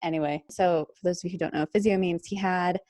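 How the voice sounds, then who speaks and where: A woman in her twenties, a student guest on a podcast, telling a story in a giggly, lively way. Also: lowish voice, fast, dry recording, clean studio sound. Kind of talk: casual podcast chat.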